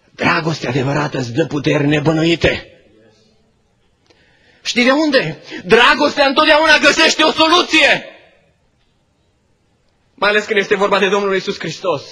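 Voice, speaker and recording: A male pastor preaching a sermon, swinging between loud exclamations and hushed asides. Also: sits high, breathy edge. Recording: long reverb of a large hall.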